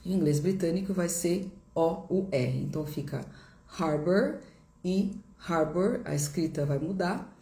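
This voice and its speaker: Low-voiced woman teaching an online lesson. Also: moderate pace, vocal fry, hardly any pauses, warm tone, roomy sound. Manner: patient, explains step by step with repeated examples. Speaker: English teacher. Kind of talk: live online English lesson.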